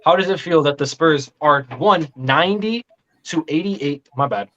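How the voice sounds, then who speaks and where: A man with a slightly high voice trash-talks and needles the others in a casual live sports chat. His voice comes through a dull, lo-fi microphone. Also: moderate pace, fairly bright tone. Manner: teasing, trash-talking.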